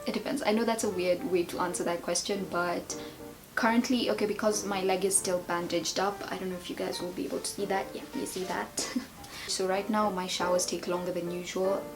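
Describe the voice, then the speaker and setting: A woman's voice: fairly low pitch, fairly even intonation, a little fast, over music. A woman in her twenties chatting casually in a tag video, rambling and playful as she answers questions. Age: 20s. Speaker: beauty and lifestyle vlogger.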